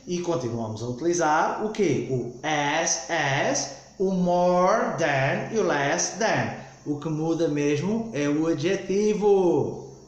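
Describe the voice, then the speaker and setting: A man teaching English grammar in a recorded lesson, explaining slowly and repeating himself with frequent "ok?" checks. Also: a little high, very echoey, highs cut off.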